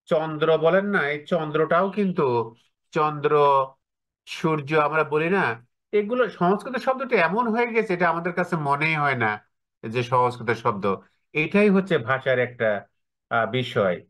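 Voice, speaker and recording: A man's voice: on the high side, expressive, moderate pace, long pauses, a bit bright. A man teaching an online class, often checking with rhetorical questions. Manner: explains with rhetorical questions to students.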